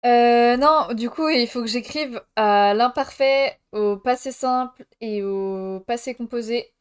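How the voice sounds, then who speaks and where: A teenage woman streams live from France, chatting to her viewers in a relaxed way. Her voice is smooth and clear, and she speaks at an unhurried pace. She laughs often and jokes around playfully. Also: on the high side. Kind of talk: casual live-stream chat.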